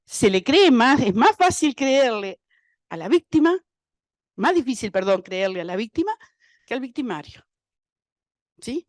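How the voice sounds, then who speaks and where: Lively Uruguayan woman giving a public talk. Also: medium pitch, dry recording. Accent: Uruguayan Spanish. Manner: asks the audience rhetorical questions; acts out quoted dialogue in changing voices. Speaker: speaker on domestic violence. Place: university lecture hall.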